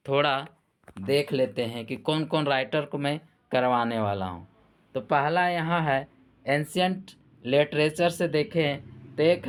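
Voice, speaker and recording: Male coaching teacher, unhurried and clear, repeats names. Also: on the high side. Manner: slow, repeats and corrects names as he goes. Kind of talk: lecture to students.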